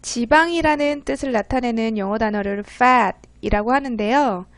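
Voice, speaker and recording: A woman's voice: fairly high pitch, measured pace, no room sound. A woman narrating a pronunciation lesson, speaking carefully and repeating each English word for the listener.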